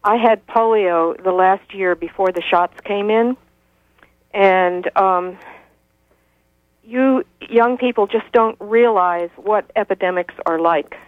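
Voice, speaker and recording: A woman's voice: medium pitch, takes it slowly, no room sound. A woman in her sixties calling in to a radio show over a clipped telephone line, insistent and lecturing, with frequent hesitations. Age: 60s. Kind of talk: call-in radio talk.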